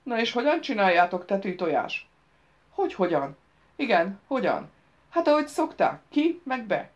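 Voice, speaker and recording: A woman voicing rowdy drunken teenage boys in an audiobook, loud and mocking. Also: mid-range voice, big pitch swings, lo-fi sound, close to an everyday voice. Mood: jeering.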